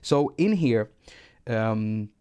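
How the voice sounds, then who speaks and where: Speaking extremely slowly in a low, dark, clear and resonant voice with lively intonation, a middle-aged Swedish music producer teaches synthesis on a live stream. His accent is Swedish, and he rambles, belittles himself and repeats words when he restarts.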